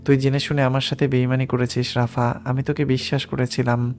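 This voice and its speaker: A man's voice: mid-range voice, flat delivery, fairly quick, darkish tone, lightly acted. A man voicing a frightened young woman who pleads urgently, in an audiobook reading. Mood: agitated.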